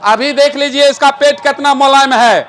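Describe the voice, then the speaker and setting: A stage magician and rationalist speaker performs a live magic show with explanatory talk, joking and giving orders to a boy and the audience. His voice is very high and fairly bright, with fairly even intonation at normal speed, and some chatter can be heard behind him.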